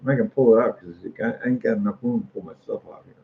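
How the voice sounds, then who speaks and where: A middle-aged-sounding American man, actually a street artist, rambles casually in a low, gravelly voice at a very fast clip. He's folksy and opinionated, repeating phrases to drive points home. The audio is muffled and lo-fi with faint noise.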